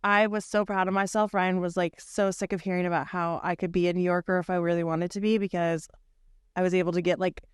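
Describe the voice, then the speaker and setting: A woman co-hosting a podcast, chatting casually and telling animated travel stories. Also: on the low side, fast talker, clear, resonant tone, no echo, clean studio sound. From United States. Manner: animated storyteller, acts out other people's voices. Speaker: podcast co-host. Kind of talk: casual chat.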